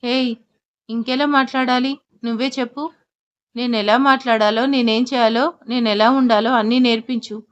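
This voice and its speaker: A woman voicing a cocky young husband who talks loudly and teasingly in an audio drama. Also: a little high, moderate pace, lo-fi sound, close to an everyday voice. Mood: teasing, brash. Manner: cocky, loud and provoking.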